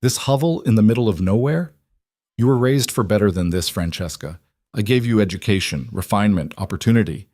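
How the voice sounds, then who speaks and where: Cold disdainful tycoon father, sixty, voiced by a male narrator, low and dry. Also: expressive, brisk, a little mellow, dry recording. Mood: scornful. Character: cold wealthy Italian-born father, about sixty. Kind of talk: audiobook character voice.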